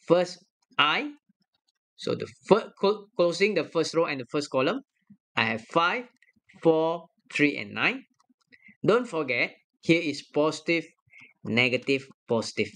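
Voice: mid-range voice, fairly bright tone. A math lecturer talking through a worked problem step by step on a screen recording, checking each sum aloud. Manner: works aloud step by step, checking their own sums.

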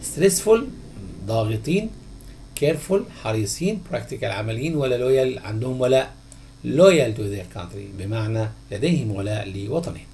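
Male Egyptian tutor, mid-pitched and gravelly, recorded over a faint hum. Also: mellow. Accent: Egyptian Arabic. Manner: questions the class, then answers himself in a drawn-out voice. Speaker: English teacher. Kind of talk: textbook answer walkthrough.

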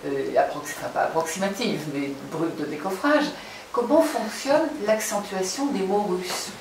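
A woman's voice: mid-range voice, animated, normal speed. A woman moderating a talk, asking articulate questions and rephrasing as she goes. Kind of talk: question-and-answer after a reading. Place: reverberant room in a château. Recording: echoey room, distant mic, audible noise.

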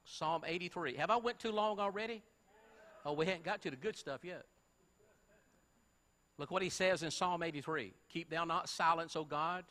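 A man preaches emphatically from the pulpit, firing rhetorical questions at the congregation. His voice sits high and comes across sharp and forceful. It rings out with a long reverb through the church. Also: moderate pace, pauses often. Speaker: pastor. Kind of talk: sermon. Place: church sanctuary.

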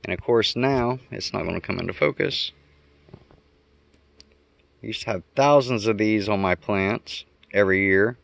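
Gravelly and lowish, this man's voice moves at normal speed with frequent pauses and no echo. He's the homestead vlogger touring his garden yard, delivering an unscripted, casual explanation while thinking aloud and correcting himself.

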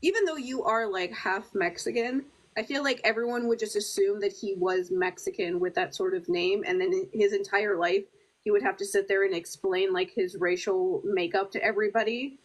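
A woman's voice: medium pitch, moderate pace, low-quality recording. A woman co-hosting a podcast in casual chat, giggly and leaning heavily on "like". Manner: giggly, heavy use of "like". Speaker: podcast co-host.

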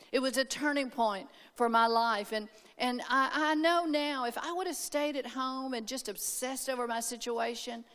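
A woman preaching in a high-pitched voice, telling her story with emphasis and drawing amens from the room. Her words ring out with a long hall reverb behind them. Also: fairly bright tone. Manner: emphatic, calls for amens, tells a personal story. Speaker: speaker at a women's conference. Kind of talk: sermon.

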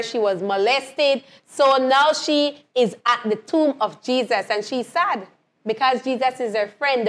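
A woman hosts a Bible lesson, her voice sitting a little high. She repeats key phrases and tosses questions to her co-hosts before answering them herself. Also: fairly bright tone. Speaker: host leading a Bible lesson. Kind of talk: lively Bible storytelling and questioning.

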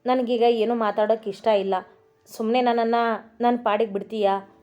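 A woman's voice: on the high side, steady tone, moderate pace, lightly acted. A woman voicing a young husband who gives short, offhand replies and teases his wife in a story reading. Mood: curt. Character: young husband, curt and teasing. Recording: dull recording with soft music.

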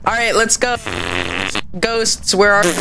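A male streamer chatting casually with friends while playing a horror game, excitable and joking, often repeating himself. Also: high-pitched, very noisy. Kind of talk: casual gameplay chat with friends.

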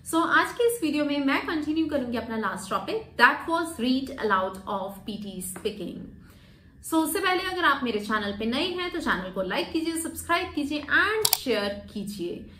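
High-voiced woman teaching in a roomy echo. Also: very animated, a bit bright. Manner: explains step by step, slows sharply for demonstration readings. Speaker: PTE exam coaching teacher. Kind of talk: video lesson in Hindi-English mix. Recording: roomy echo with faint background noise.

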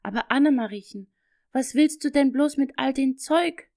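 A woman's voice: high-pitched, normal speed, creaky, a little mellow, no echo, clean studio sound, pitched above the performer's own voice. A woman voicing a storybook mother who speaks in a firm but fond way. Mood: amused. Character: firm, amused mother of a small girl.

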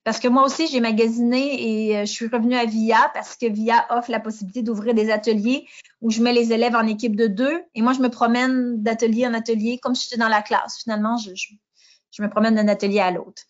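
A woman's voice: on the high side, steady tone, a little fast. A woman with a Quebec French accent co-hosting a teachers' webinar in a chatty, informal way. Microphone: video call. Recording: dull lo-fi online call audio.

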